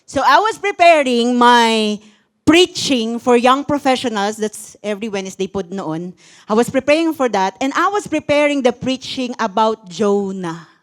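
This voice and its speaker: A woman's voice: fairly high pitch, expressive, unhurried. A woman pastor preaching a sermon to a congregation, telling her own story expressively and mixing Tagalog with English. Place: church service before a congregation.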